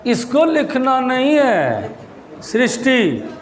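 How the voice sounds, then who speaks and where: A man teaching a physics problem to a class, explaining step by step, calling his students "beta" and hushing them when they get noisy. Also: very high voice, huge pitch swings, drawn-out words. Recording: echoey classroom with murmuring students.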